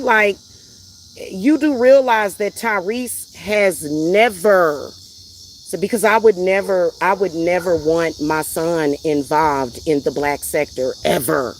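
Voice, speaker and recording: A woman's voice: on the low side, slight background noise. Emphatic woman ranting outdoors. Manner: emphatic, repetitive, profane. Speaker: vlogger and spiritual reader. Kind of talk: heated personal rant.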